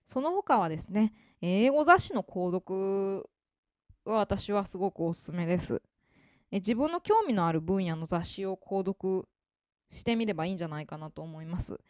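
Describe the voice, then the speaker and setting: A woman giving an informal spoken lesson of study advice, polite in manner, with frequent fillers and emphatic pauses. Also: medium pitch, darkish tone, no echo, studio quality. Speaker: English-learning advisor.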